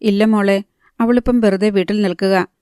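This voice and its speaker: A woman narrator voicing a worried, caring middle-aged mother who asks quick questions, in a smooth, level reading voice. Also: medium pitch, fairly even intonation, mellow, no room sound, clean studio sound, close to an everyday voice.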